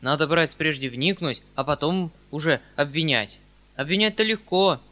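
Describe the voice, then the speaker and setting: A man's voice: fairly high pitch, bright, forceful tone. Man doing a flustered kindly old landowner. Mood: defensive. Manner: hurried, fussy, pleading.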